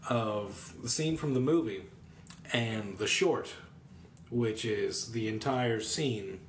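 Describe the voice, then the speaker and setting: A man's voice: on the low side, reverberant, a little hiss or hum. A man co-hosting a podcast, chatting casually and rambling through a jokey movie rant with lots of fillers. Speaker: podcast co-host. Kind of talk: casual chat.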